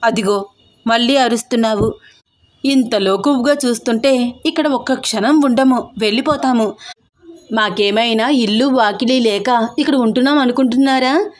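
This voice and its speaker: A woman voicing a scheming middle-aged aunt who complains loudly and theatrically. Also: a little high, moderate pace, close to an everyday voice. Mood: sulking. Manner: loud, dramatic, wailing complaints.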